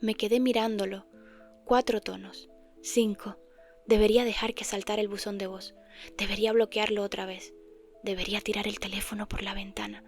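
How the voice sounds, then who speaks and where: A woman's voice: mid-range voice, little pitch movement, moderate pace, faint music behind. A woman narrating a first-person mystery story in a subdued, often half-whispered voice.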